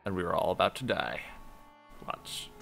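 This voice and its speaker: Brief: low, gravelly male let's-player, chatty and offhand, faint game music behind. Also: very animated, normal speed, fairly bright tone. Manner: offhand, chatty, muttering to himself. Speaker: let's play host. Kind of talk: casual gameplay commentary.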